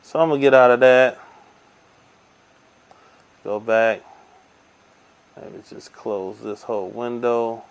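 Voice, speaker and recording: A man's voice: medium pitch, takes it slowly, pauses often, smooth, dull audio. A man giving a casual hands-on tech demo at a table indoors, narrating each step with frequent ums and uhs. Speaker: tech reviewer. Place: indoors at a table by window blinds.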